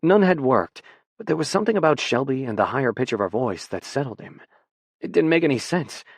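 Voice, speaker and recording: A man reading an audiobook in a measured, even scripted narration. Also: mid-range voice, creaky, husky, no room sound, studio quality.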